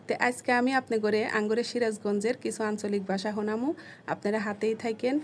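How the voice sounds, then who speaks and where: A woman's voice: a little high, fairly even intonation, fairly quick, a little hiss or hum. A woman from Sirajganj with a Sirajganj Bengali accent, casually teaching dialect phrases in a vlog, chatty and proud of her speech. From Sirajganj, Bangladesh. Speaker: video creator.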